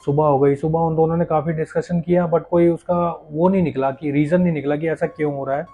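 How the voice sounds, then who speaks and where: A man telling a horror story in a relaxed, chatty manner, building suspense as he goes. His voice is somewhat high yet mellow, with faint music underneath. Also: fairly quick, vocal fry. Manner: conversational, suspenseful. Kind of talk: casual spoken storytelling. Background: faint background music.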